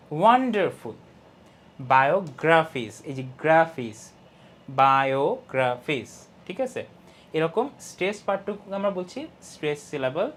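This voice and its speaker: A young man teaching an English lesson, explaining step by step, reading English lines slowly and stressing key syllables. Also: high-pitched. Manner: explains step by step, often asks "ঠিক আছে?". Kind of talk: online class lesson.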